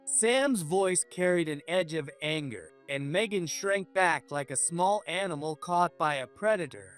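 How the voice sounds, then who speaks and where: A man narrating a scripted first-person story in an even, measured way. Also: sits high.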